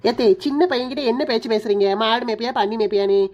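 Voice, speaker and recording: A woman's voice: fairly high pitch, fast, a little mellow, muffled recording, close to an everyday voice. A woman voicing a bossy young wife who tutors and scolds a small boy in a Kanyakumari Tamil accent, in a cartoon. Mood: scolding. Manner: scolding, threatening, then coaxing. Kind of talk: cartoon voice acting.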